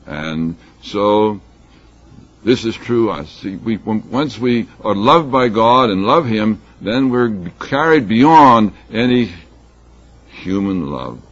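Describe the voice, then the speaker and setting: Husky low-voiced man preaching, lo-fi. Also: expressive, slow. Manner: emphatic, reads scripture aloud with rising force, fillers and restarts. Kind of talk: sermon. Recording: dull lo-fi recording.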